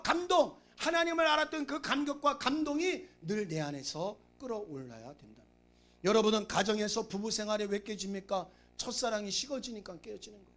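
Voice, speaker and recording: With a very high, sharp-toned voice, this male pastor delivers a sermon full of emphatic, repetitive exhortation. He mixes in storytelling as he presses his congregation.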